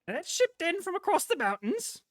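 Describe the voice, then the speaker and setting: A woman's voice: extremely high pitch, very animated, moderate pace, dry recording, clean studio sound. A woman voicing a hearty, folksy male innkeeper in a tabletop role-playing game. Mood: hearty, obliging. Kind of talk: tabletop role-play character voice.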